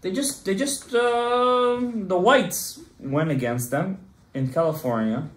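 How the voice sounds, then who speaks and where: A man's voice: high-pitched, slow. A man in his thirties, a rabbi giving an emphatic Torah class to a small group and quizzing his listeners. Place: synagogue study room, indoors. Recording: roomy echo.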